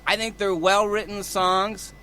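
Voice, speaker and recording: A man co-hosting a podcast in casual chat, quick with wisecracks. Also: high-pitched, steady tone, bright, forceful tone, clean tone. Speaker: podcast co-host.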